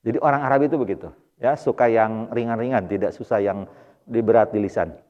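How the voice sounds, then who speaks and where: A man's fairly low voice, at normal speed and with a Sundanese accent, carries an Arabic grammar lesson for a mosque study circle. He takes a patient approach, repeating Arabic words and stressing them. The mosque hall recording is dull and lo-fi, with audible hall reverb.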